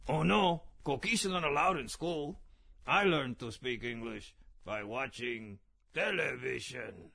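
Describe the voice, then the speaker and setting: Coqui, a man doing a gravelly little frog. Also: medium pitch, measured pace, bright, forceful tone, exaggerated voice. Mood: friendly. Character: small shy male tree frog, friendly. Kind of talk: children's puppet show.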